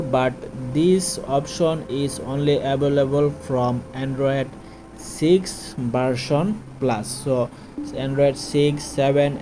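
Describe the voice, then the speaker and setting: A man who speaks English as a second language, hosting an informal how-to voice-over in halting, repetitive phrasing with frequent self-corrections. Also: medium pitch, poor audio. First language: not English. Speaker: tutorial host.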